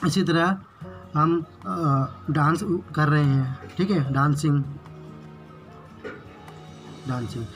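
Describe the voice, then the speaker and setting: A man teaching basic English grammar in Hindi, explaining each example slowly and repeating "ठीक है" after each one. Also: on the high side, faint music behind.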